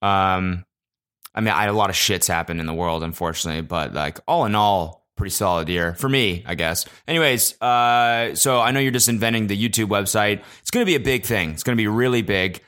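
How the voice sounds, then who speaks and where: A man hosting a casual solo podcast, talking into a podcast mic in an animated, profane rant that jumps between loud exclamations and low mutters. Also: brisk, smooth. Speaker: podcast host. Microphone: podcast microphone.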